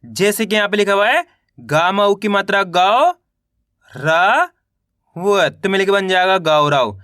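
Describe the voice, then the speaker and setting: A man teaching a reading lesson who sounds words out slowly letter by letter and keeps asking how to read them. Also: high voice, animated, bright, forceful tone, clean tone, no room sound, clean studio sound. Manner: slow, drawn-out letter-by-letter sounding out, repeats "कैसे पढ़ेंगे?".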